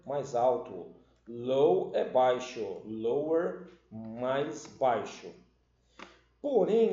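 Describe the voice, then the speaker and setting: Brazilian guy teaching english, slow and mellow, lo-fi echoey room sound. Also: medium pitch. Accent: Brazilian Portuguese. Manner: explains slowly, often checking with "né?" and "certo?"; spells out suffixes letter by letter. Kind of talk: recorded online class.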